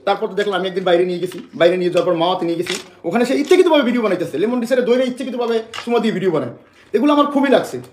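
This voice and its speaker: A man's voice: sits high, animated, rapid-fire, darkish tone, reverberant. A man from Bangladesh making an emotional public statement to the press, agitated and repeating phrases over and over.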